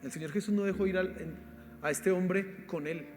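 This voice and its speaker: A Colombian man preaching a sermon as pastor, exhorting his listeners as "hermano" and swinging between loud emphasis and quiet asides. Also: high voice, moderate pace. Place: church hall. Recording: live church stream with reverb and faint music.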